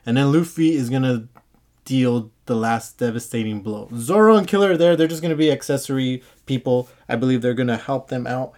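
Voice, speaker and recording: A man hosting a casual, excited manga chapter review in slangy fan talk, often acting out the characters' lines. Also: mid-range voice, fairly quick.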